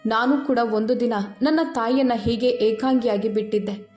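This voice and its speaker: A calm, wise old retired surgeon speaks in a quiet, measured, gently stern way, as a woman storyteller puts him on. His voice sits fairly high and rings in an echoey room over faint background music. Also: lightly acted.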